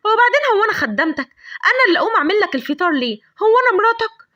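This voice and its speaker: A woman with an Egyptian accent voicing a proud, hot-tempered young woman in a storybook tale, with shrill, indignant outbursts. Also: quick pace, highs cut off, close to an everyday voice. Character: fiery proud young woman, quick to anger.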